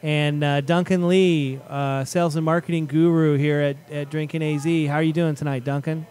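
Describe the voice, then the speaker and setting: A man's voice: on the high side, little pitch movement, normal speed, a little mellow. A man hosting a casual beer show from a studio, chatting loosely with lots of fillers. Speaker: show host.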